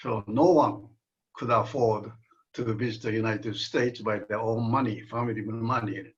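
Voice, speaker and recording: A man in his eighties from Japan, a native Japanese speaker with a Japanese accent, telling his story as an interview guest in an unhurried way with many fillers. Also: fairly low pitch, steady tone. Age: 80s. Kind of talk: casual interview. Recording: dull lo-fi sound.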